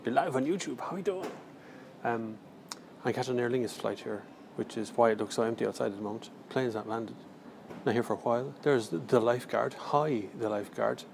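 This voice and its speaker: An Irish man with a gravelly, creaky voice rambles casually through a live question session. He is slangy and jokey, speaking at an average pitch into a phone in an airport terminal with faint noise around him. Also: steady tone, brisk, darkish tone. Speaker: car reviewer livestreaming. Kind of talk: casual live chat, answering viewer questions. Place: large indoor airport terminal. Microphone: handheld phone.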